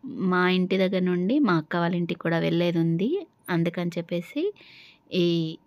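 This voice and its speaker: A woman's voice: on the low side, darkish tone, dry recording, lo-fi sound. A young adult woman narrating her vlog in a chatty way, with many fillers. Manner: conversational, uses many fillers. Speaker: vlogger.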